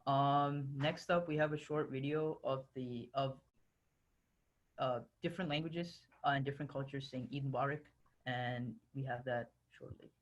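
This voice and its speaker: Male co-host of an online event, flat delivery, lo-fi call sound. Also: mid-range voice, moderate pace. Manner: introduces each segment with many fillers. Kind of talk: hosting a virtual event.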